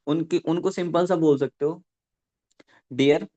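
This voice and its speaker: A man running a live online training session for network marketing, dictating points slowly and checking in with listeners after nearly every sentence. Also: fairly high pitch. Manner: dictates slowly for note-taking.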